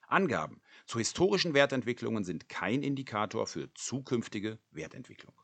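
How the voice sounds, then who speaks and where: A man's voice: lowish voice, a bit bright. A man reading out a scripted legal disclaimer in a formal, fine-print manner. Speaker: disclaimer announcer.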